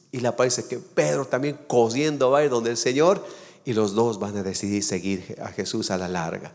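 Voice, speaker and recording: A man preaching a sermon as guest pastor, telling Bible stories with loud emphatic lines and low drawn-out words. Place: church. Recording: church hall with long reverb.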